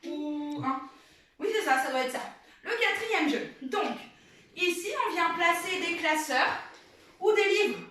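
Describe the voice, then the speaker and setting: A woman's voice: extremely high pitch, expressive, measured pace, bright, forceful tone. A mother demonstrating play games at home, encouraging and coaching her child as she explains to viewers. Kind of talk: casual how-to demonstration for viewers. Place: home indoors, small space. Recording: very echoey room, distant mic, faint noise.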